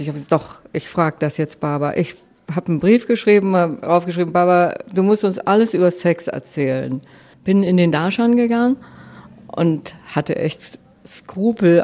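Woman, low pitch, warm dark tone, personal storytelling, animated, hesitant fillers. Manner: lively, animated retelling with frequent hesitation fillers. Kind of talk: personal anecdote told to listeners.

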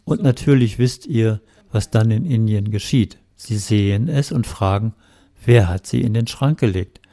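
Male interpreter with a warm, mellow voice, steady and measured. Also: on the low side. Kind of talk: interpreting a sermon.

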